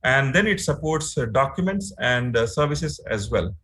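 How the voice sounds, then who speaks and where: A man's voice: mid-range voice, sing-song, normal speed, a bit bright, low-quality recording. A man with an Indian English accent giving an online training lecture, explaining step by step with many fillers and frequent "right?" checks. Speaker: instructor.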